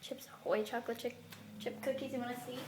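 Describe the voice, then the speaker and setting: A woman's voice: on the high side, steady tone, quick pace. A young woman chatting casually and giggly to camera, silly in manner, recorded on a phone. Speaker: amateur video maker. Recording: echoey room, clear background noise.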